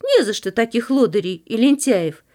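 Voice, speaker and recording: A woman narrating a children's fairy tale in an expressive, sing-song way. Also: a little high, normal speed. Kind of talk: storybook reading for children.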